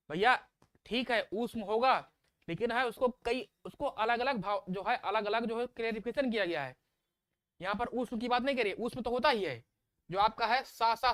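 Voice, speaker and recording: Smooth-voiced male teacher drilling students. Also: extremely high pitch, a bit bright, no room sound. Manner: explains by repeating sounds aloud, coaxing questions to students. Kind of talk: live online exam-prep class.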